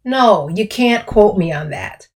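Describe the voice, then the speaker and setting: A woman voicing a smooth, brash middle-aged male lawyer who talks bluntly and swears. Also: mid-range voice, animated, slow, voice pushed up.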